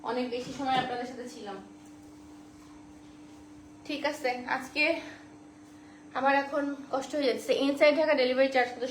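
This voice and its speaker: A high-pitched woman runs a live-stream sales pitch, chatty and repeating every price and offer. Her voice rings around a roomy, echoey space. Faint noise hums behind her. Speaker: online shop seller.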